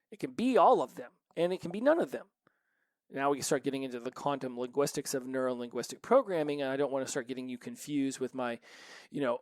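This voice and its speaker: A man's voice: medium pitch, no echo. Emphatic man hosting a self-help podcast. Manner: energetic, emphatic, playful. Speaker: podcast host. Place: his office.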